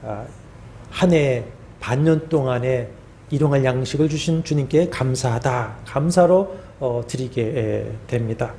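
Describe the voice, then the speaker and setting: A man preaching a sermon as a pastor, in measured phrases with pauses and fillers, his voice dropping at the ends of phrases. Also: medium pitch, warm tone, a little hiss or hum. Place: church sanctuary.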